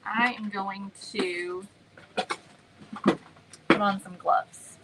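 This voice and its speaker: A woman hosting a casual craft livestream, greeting viewers by name and filling pauses with many ums. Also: medium pitch, steady tone, noisy background.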